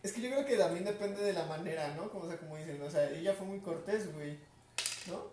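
A man with a Mexican accent telling a long story in a casual chat, filling every pause with "güey". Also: high-pitched, recorded from a distance. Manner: slangy, says "güey" constantly. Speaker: podcast guest or co-host. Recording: roomy, off-mic, faint noise.

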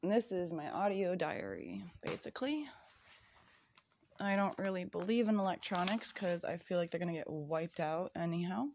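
Woman doing a low-key solo audio diary, gravelly voice, dull dry lo-fi sound. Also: animated, normal speed, a little mellow, a little hiss or hum. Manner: rambling, reads out lists of places and prices; half-whispered at times.

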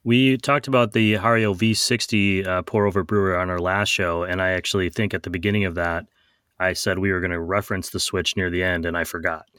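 Podcast host, male, low voice, relaxed and joking, dry close mic. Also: a little fast, clean tone, no room sound. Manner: relaxed, joking, frequent "uh" fillers. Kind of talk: casual podcast chat.

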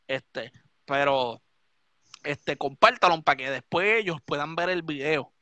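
A man's voice: on the high side, animated, unhurried, sharp tone, no room sound. A Puerto Rican man, a DJ hosting a live stream, ranting drunk and swearing heavily. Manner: profane, heated, repetitive ranting.

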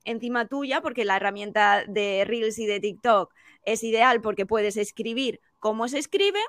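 Woman, higher voice, dry close sound; animated teacher giving advice as a podcast guest. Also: no room sound. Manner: animated, explaining with quick examples. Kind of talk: casual podcast conversation.

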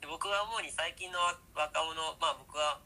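A man, casually explaining his dialect in a relaxed, chuckling way. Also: fairly high pitch, moderate pace. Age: 20s.

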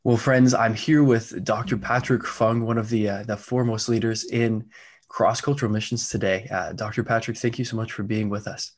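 A man's voice: lowish voice, fairly even intonation, normal speed. A man hosting a faith podcast, eager and affirming, interviewing a guest over a video call. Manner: eager, affirming, with frequent fillers. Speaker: podcast host.

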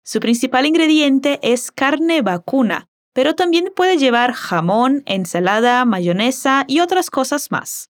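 Lively-voiced woman teaching Spanish. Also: high voice. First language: Portuguese. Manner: slow, careful modeling of words. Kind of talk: language lesson with repeat-after-me drills.

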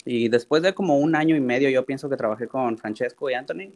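A man, a guest in an interview, telling his story in a relaxed, animated way and acting out quoted dialogue. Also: mid-range voice, fast talker. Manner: repeats "literal" often. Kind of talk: casual storytelling.

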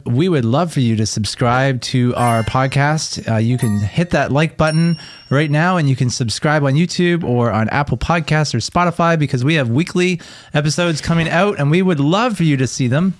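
A man's voice: on the high side, moderate pace. A man hosting a podcast in casual chat, playful and joking, recorded close and dry. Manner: playful, mock auctioneer patter. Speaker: podcast host.

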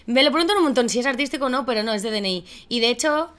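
A woman's voice: fairly high pitch, rapid-fire. Bubbly young woman, bursts of laughter. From Cuba. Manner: bubbly, laughs often, excited exclamations. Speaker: guest singer. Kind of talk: casual interview chat.

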